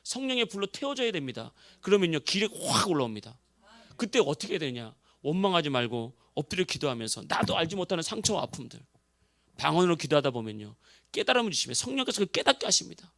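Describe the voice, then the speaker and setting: A man's voice: on the high side, very animated, fast talker, a bit bright, no echo. A male pastor preaching a sermon, telling a story with feeling and acting out the quoted voices. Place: church sanctuary.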